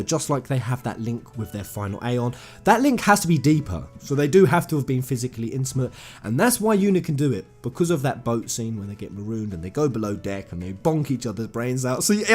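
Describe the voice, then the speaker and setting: Over faint music, a man delivers a quick-paced, informal commentary explaining video game lore to viewers he addresses as "guys." His mid-range voice is a little mellow and swings widely in pitch as he talks conversationally and emphatically.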